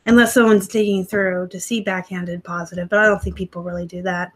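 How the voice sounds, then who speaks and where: On the low side and a little fast, her voice carries little pitch movement. She's a livestream host and online reseller chatting casually with viewers from home, reading comments with snark and laughter over a laptop stream.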